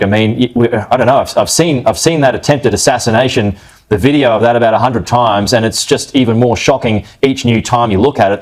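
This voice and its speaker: A man anchors a news segment and questions his guest in a conversational way. His pitch sits in the middle range for a man. He hesitates and restarts, then closes his points with tag questions. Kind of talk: news interview.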